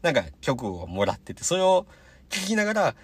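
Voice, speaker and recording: A young man with a Kansai Japanese accent tells stories alone on a podcast, and his husky voice swings widely up and down. He talks quickly and keeps things chatty and animated. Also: a little high, no echo. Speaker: podcast host. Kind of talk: casual solo podcast storytelling.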